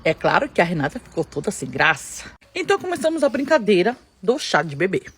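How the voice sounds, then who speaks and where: A woman's voice: mid-range voice, a little fast, breathy edge. A woman with a Brazilian Portuguese accent telling a dramatic first-person story and often speaking straight to her listeners. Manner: animated, addresses listeners directly.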